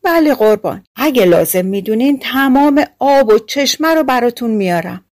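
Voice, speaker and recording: A woman's voice: on the high side, animated, darkish tone, no echo, studio quality, pitched above the performer's own voice, close to an everyday voice. A woman doing a bragging little tailor. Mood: eager servile. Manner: eager, servile, bragging. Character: boastful small male tailor, scared but bragging.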